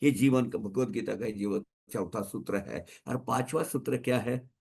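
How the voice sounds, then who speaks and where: A man's voice: fairly low pitch, normal speed, vocal fry, darkish tone. A man giving a spiritual discourse at a devotional gathering, speaking emphatically, repeating phrases for stress and dropping English phrases into his talk. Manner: mixes English phrases into Hindi. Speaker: satsang speaker.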